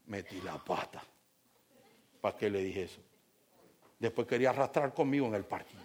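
A man preaching as a pastor, telling a humorous story in an animated way, acting out the dialogue and talking straight to his congregation. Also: fairly low pitch, normal speed. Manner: animated, acts out dialogue, talks directly to congregation.

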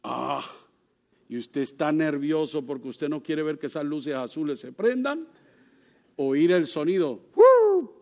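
Male preacher, high register, dramatic storyteller who bursts into exclamations. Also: a little slow, creaky. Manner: animated storytelling with sudden exclamations; asks the congregation questions. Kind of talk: sermon.

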